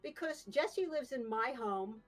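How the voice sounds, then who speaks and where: A woman's voice: a little high, lively intonation, unhurried, soft background music. Insistent middle-aged mother on a call. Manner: insistent, demanding. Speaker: parent. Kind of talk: online group voice call. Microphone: speaking into her son's mic.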